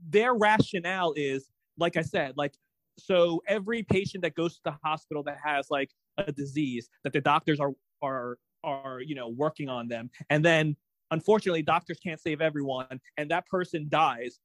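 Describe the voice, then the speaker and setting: A man co-hosting a casual TV recap chat, ranting in an animated, exasperated way with many restarts. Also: a little high, normal speed, dry recording, low-quality recording.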